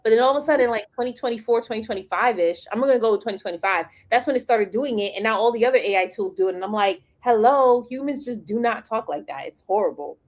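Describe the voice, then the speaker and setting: A woman hosting a casual live chat, sassy and animated, acting out what she says to the software. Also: medium pitch, rapid-fire, hardly any pauses. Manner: animated, sassy, acts out quotes. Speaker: host.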